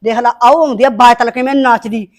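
Soft background music accompanies a woman playing a harsh stepmother, a middle-aged villager, in a village short film. Her natural, slightly high voice holds a steady tone at a fairly quick pace as she nags and scolds sharply in Punjabi with a Punjabi accent.

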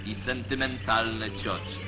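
A man's voice: lowish voice, fairly even intonation, a little slow. A man giving formal, declamatory scripted commentary for an old 1940s newsreel. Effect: old 1940s newsreel sound. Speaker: newsreel narrator. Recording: dull lo-fi 1940s newsreel track. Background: music under the voice.

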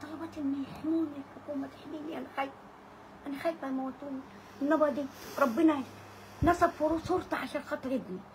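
A woman's voice: high-pitched, steady tone, very fast, slight background noise, poor audio. A woman in her sixties with an Egyptian Arabic accent, an interviewed widow who pleads and repeats her words over and over. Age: 60s. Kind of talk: emotional street interview.

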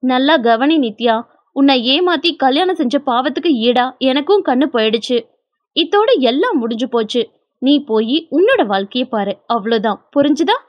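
A woman voicing a bitter, newly blinded young husband who speaks flatly and curtly, in a dry storybook recording. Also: sits high, moderate pace, dry recording, dull audio, voice pushed down, close to an everyday voice. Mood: cold, curt. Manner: flat, curt and unyielding.

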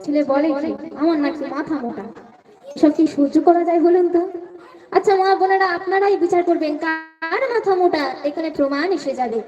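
A woman folk singer arguing to an audience in a live stage debate, speaking and then singing slow verses. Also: extremely high pitch, dark tone, soft background music. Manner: declaiming to the audience, slipping into slow sung verses. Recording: distant, dull live stage recording.

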